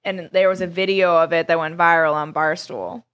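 A woman's voice: lowish voice, steady tone, moderate pace, a bit bright, clear, resonant tone, muffled recording. Tipsy, giggly woman telling stories. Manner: loose, giggly, profane storytelling. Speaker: podcast co-host. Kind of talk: casual chat.

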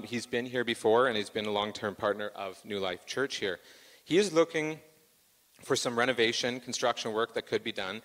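A man's voice: mid-range voice, fairly bright tone, long reverb tail. A man hosting church announcements in a joking, self-deprecating way, with plenty of fillers. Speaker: church host doing announcements. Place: church sanctuary.

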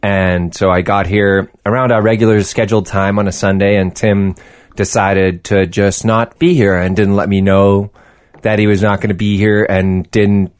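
Low-voiced man, teasing podcast host. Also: flat delivery, normal speed, dry recording, studio quality. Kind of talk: casual podcast chat.

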